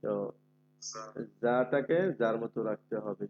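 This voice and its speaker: A man's voice: mid-range voice, unhurried. A man leads an online recitation class, patiently drawing out each letter sound and repeating it for the students. His voice comes through slightly muffled, with a faint hum underneath. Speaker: Quran recitation teacher.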